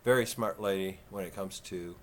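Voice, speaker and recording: A man in his fifties with a Texan southern twang, talking slow and folksy in a rambling, casual vlog. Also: deep voice, fairly bright tone, a little hiss or hum. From Texas. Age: 50s. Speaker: vlogger.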